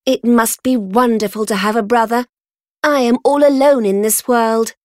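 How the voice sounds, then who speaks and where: A woman voicing a cunning young woman who flatters and sighs theatrically to get her way. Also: on the high side, normal speed, no echo, clean studio sound, lightly acted. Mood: wistful. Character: scheming, cunning young woman playing humble.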